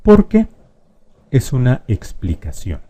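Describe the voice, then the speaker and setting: A man explaining spelling rules in a lesson, patiently addressing the viewer directly and drawing out example words slowly. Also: mid-range voice, huge pitch swings, dark tone. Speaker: language teacher.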